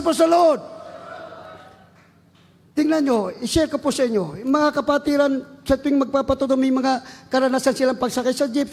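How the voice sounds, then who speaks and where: A man with a Filipino accent preaching a sermon, exhorting his congregation and breaking into shouted praise. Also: extremely high pitch, in a large hall.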